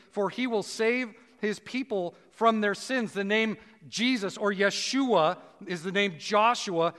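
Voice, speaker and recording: High-voiced man preaching in a hall. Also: a bit bright. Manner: conversational preaching, drops low and slow for emphasis. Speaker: pastor. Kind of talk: sermon.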